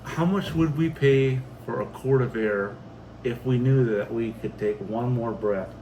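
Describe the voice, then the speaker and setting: An American man hosts a homestead vlog, chatting casually and reading viewer comments aloud. His mid-range voice is unhurried, and the rough recording has steady background noise.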